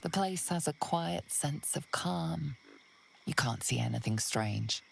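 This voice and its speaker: A woman voicing an ominous female narrator of a dark fantasy game, speaking in a low, hushed, creaky near-whisper. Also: expressive, slow pace, exaggerated voice. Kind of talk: scripted narration. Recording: game audio with noise.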